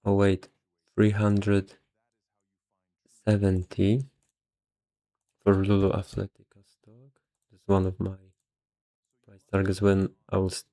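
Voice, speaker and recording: A man with a low-sitting, dark voice, captured without echo, thinks aloud about stock valuation. He comes across as slightly tired, casual and hesitant, as if half muttering to himself.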